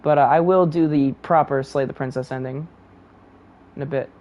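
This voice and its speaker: A man's voice: fairly high pitch, steady tone, moderate pace, a little mellow. A man casually commentating on a video game he is playing and reading choices aloud.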